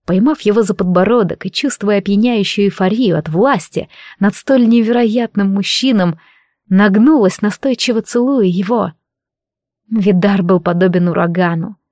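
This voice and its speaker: A woman narrates a fantasy novel in a slow, even, intimate reading. Her voice sits at a middle pitch. The recording is dry and close, with no echo. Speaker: audiobook reader.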